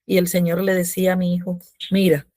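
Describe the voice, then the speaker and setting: Low-voiced woman giving fervent testimony. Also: completely flat delivery, fast, mellow, dry recording. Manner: fervent storytelling with quoted prayers. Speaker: devotional speaker. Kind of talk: religious testimony.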